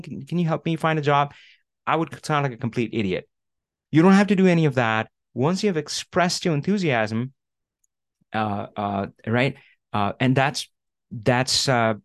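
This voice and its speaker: Over a video call, a career coach helps a student with job searching, speaking casually with many fillers and frequently asking "right?". His voice is medium-pitched, recorded with clean studio sound and no echo.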